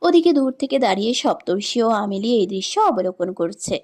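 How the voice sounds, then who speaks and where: A woman reading a romance story in scripted narration, with steady, even storytelling. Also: medium pitch, a little fast, husky.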